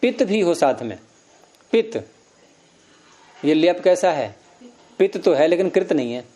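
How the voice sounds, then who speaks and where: A man's voice: fairly high pitch, sing-song, measured pace, warm tone. A man teaching Sanskrit grammar, explaining step by step and quizzing his students with questions. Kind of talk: classroom lecture.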